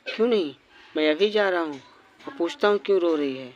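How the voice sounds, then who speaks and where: A man voicing a poor village father in a doll cartoon, loud and earnest. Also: fairly high pitch, lively intonation, a little fast, lo-fi sound, slight background noise, natural voice. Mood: caring. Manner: loud, earnest, gentle to his daughter.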